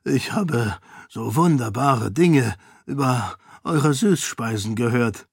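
A man's voice: mid-range voice, expressive, slow pace, vocal fry, slightly rough, no echo, clean studio sound, heavily acted. A man voicing a hearty, boisterous nobleman in an audiobook, effusive and full of good humor. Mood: jovial. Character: jovial hearty nobleman, booming laugh. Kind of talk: audiobook character voice.

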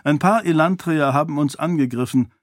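A man's voice: on the high side, a little fast, no echo, studio quality, voice pushed up, lightly acted. A man voicing a bold, outspoken young noblewoman in an audiobook. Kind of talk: audiobook dialogue.

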